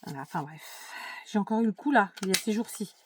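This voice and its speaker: A woman's voice: medium pitch, animated, fast talker. A middle-aged woman from France chatting to her viewers, opinionated and full of fillers and asides, with a noisy home recording. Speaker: YouTube vlogger. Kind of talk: casual chat to camera while doing a craft task.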